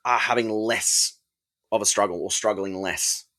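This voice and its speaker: An Australian man co-hosting a casual beer podcast, talking in a measured way with many "um" fillers. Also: on the low side, bright, forceful tone. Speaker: podcast co-host.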